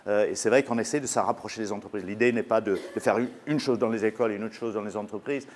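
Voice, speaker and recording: A man's voice: lowish voice, steady tone, quick pace, a little mellow, slight background noise. A man with an English accent, a native English speaker, giving a conference talk in French as a business school professor, hesitant with many fillers and restarts. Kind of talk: conference presentation.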